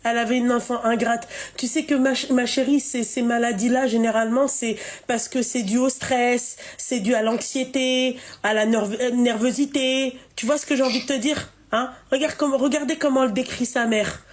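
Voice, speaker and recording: Une femme qui anime un direct en ligne et sermonne une appelante avec insistance, en se répétant. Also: female voice, a little high, fairly even intonation, moderate pace, few pauses. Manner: scolding, emphatic, repeats herself. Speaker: live stream host. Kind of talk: live call-in chat.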